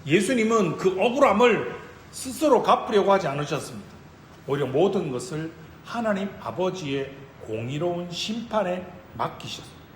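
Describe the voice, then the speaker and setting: A man from South Korea preaching a Sunday sermon as pastor, emphatic and reading scripture slowly and solemnly. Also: high-pitched, sing-song, a little hiss or hum. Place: church sanctuary. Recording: echoey room, faint ambience.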